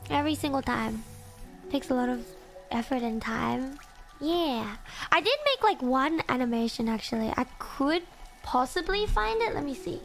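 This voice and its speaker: High-pitched, cute girlish woman streamer. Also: lively intonation, moderate pace, gravelly. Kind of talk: casual livestream chat. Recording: music playing behind the voice.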